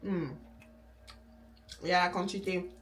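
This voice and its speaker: A young woman chatting casually to camera in her vlog, slangy and relaxed, sometimes talking with her mouth full. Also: medium pitch, moderate pace, a little hiss or hum. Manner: chatty, slangy, talks while eating. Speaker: vlogger. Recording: echoey room, voice a bit distant.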